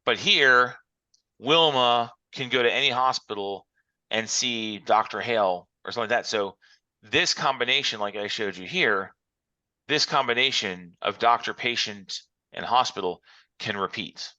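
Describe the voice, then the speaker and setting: A bright-voiced male instructor gives an online class lecture over a conference call, walking through examples step by step. He speaks at medium pitch and a measured pace, and the call audio is muffled and dry with no echo.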